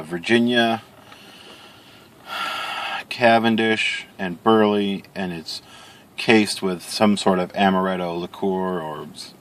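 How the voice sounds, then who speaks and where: Casting: male vlogger, fairly low voice, relaxed rambling review delivery with pauses. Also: slight background noise. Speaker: pipe-smoking video reviewer. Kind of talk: casual chat product review.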